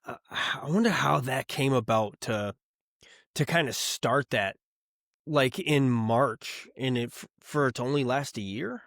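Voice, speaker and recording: A man hosting a podcast, asking questions in a relaxed, reflective way with hesitant restarts. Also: medium pitch, measured pace, vocal fry, no echo, clean studio sound. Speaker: podcast host. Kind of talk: casual interview conversation.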